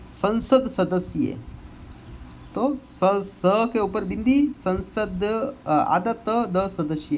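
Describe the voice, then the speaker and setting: Slight background noise runs under a high, darkish male voice as he teaches Hindi grammar for an exam. Working slowly word by word, he repeats each word's wrong and right forms and corrects the spellings.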